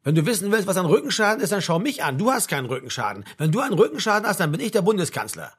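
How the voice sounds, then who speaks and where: A tired, sharp-tongued mother with a husky, breathy voice, as a male narrator puts her on. She nags and scoffs in quick bursts, then softens into weary tenderness. A storybook reading with a lively, slightly raised delivery. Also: high-pitched, exaggerated voice. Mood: scolding. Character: weary, blunt middle-aged mother. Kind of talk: audiobook character voice.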